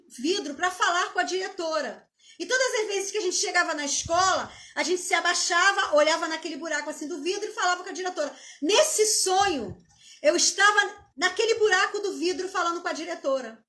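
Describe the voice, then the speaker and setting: A middle-aged Brazilian woman pastor giving an emotional live-streamed testimony, halting, with many restarts and tag questions. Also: very high-pitched, a bit bright. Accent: Brazilian Portuguese.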